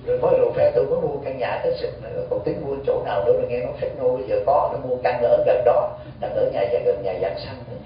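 A Buddhist monk giving an animated storytelling sermon, full of rhetorical questions. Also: male voice, medium pitch, quick pace, few pauses. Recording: echoey hall, distant dull mic.

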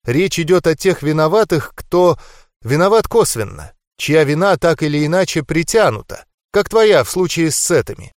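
A composed young goddess speaks in a calm, measured, softly serious voice, as a male audiobook reader lifts his pitch to play her. Her lines sit noticeably higher than his own plain narration. The dry recording has no room sound around it. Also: no room sound, natural voice. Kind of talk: audiobook character reading.

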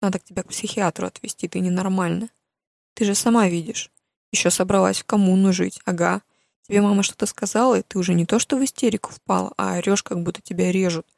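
A woman voicing an abusive middle-aged mother who berates her daughter in a loud, scolding voice in an audiobook reading. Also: mid-range voice, fairly even intonation, creaky, no room sound, studio quality, lightly acted. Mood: cold scolding. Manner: loud, berating, rapid-fire insults. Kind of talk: audiobook character voice.

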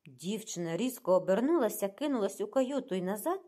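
Expressive woman reading an audiobook. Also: medium pitch, brisk. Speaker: audiobook narrator. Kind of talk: scripted narration.

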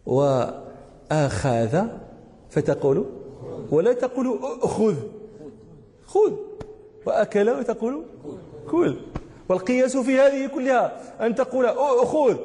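A man's voice: high-pitched, mellow, big-room sound. A man with a Moroccan accent teaching a grammar lesson, quizzing his class and often chuckling.

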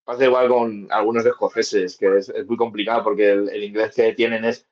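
A man's voice: on the low side, little pitch movement, brisk. A man who is a guest in a podcast chat, laughing often and explaining at length. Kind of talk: casual chat. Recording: dull remote audio.

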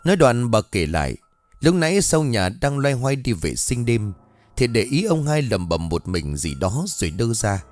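A man narrating a scripted ghost story in an expressive, dramatic reading. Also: medium pitch, normal speed. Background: faint background music.

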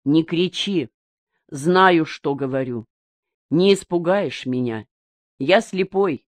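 A woman's voice: sits low, takes it slowly, dry recording. Konika, a stubborn blind woman reading an old man. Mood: defiant. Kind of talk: audiobook character reading.

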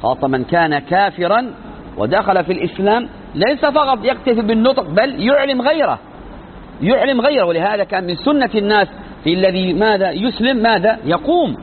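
The high-pitched voice of a sheikh teaching creed carries an emphatic religious lecture in which he asks questions and answers them himself. Faint background noise accompanies the thin, narrow sound of the recording.

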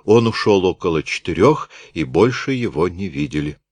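A man's voice: sits low, lively intonation, normal speed, no echo. A man voicing a dutiful court bailiff who makes a formal announcement.

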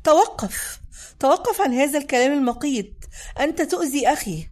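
Woman reading defiant daughter, storybook figure, urgent, higher voice. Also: expressive, a little fast, darkish tone.

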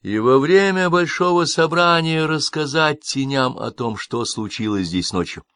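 A man reading an audiobook, voicing a detached young woman who speaks flatly. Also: on the high side, a little slow, clean tone, no room sound, studio quality, pitched above the performer's own voice. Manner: flat and detached. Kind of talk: audiobook character voice.

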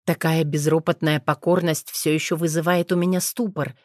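A woman with a fairly low voice reads a first-person audiobook in a steady, expressive way. The sound is close and dry, with no room echo. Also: moderate pace. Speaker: audiobook narrator.

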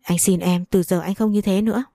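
A woman's voice: medium pitch, fairly even intonation, fairly quick, creaky, dark tone, no echo, lightly acted. Woman reading as a pleading cheating husband. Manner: meek pleading.

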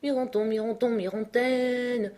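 A woman's voice: medium pitch, animated, normal speed, husky. A woman reader voicing a carefree, swaggering young man who answers his sister with mock politeness. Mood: humming. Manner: airy, mock-polite, sing-song.

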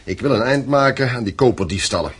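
A man acting in a Dutch radio play voices a mine-owning, middle-aged father who is stern, domineering, commanding and reproachful, with a businesslike mood. His mid-range voice is animated, quick-paced and edged with breathiness.

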